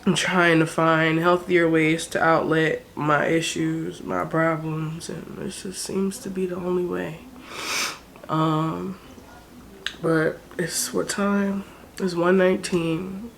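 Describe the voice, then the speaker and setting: On poor audio with slight background noise, a woman with a lowish, gravelly voice speaks slowly in a level tone. She's a weary South Jersey vlogger in her twenties with a matching accent, crying as she frankly and profanely vents about her struggles.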